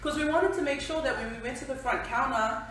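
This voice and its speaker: Telling her own story to a company event audience, this twentysomething New Zealander talks fast in a high, fairly bright voice, chatty and laughing self-deprecatingly. She's recorded from a distance in an echoey hall.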